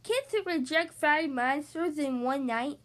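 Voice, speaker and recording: A woman's voice: high-pitched, expressive, a little slow, fairly bright tone, exaggerated voice. A woman plays a big, scruffy male storybook monster. He slurps his words and blusters to sound scary, yet comes across whiny and easily offended.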